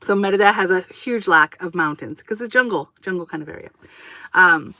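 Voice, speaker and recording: A woman whose first language was Japanese hosts a casual livestream from inside her RV, rambling, correcting herself and reading out viewer comments. Her voice is on the low side, fairly quick, pushed and bright. The recording is dry, captured by a camera on a tripod.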